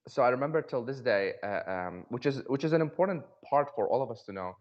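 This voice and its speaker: A cosmetic dentist from Iraq, in his thirties, tells stories casually as a podcast guest, often repeating words while he hunts for the right phrasing. His mid-range voice is expressive and quick. The recording sounds muffled.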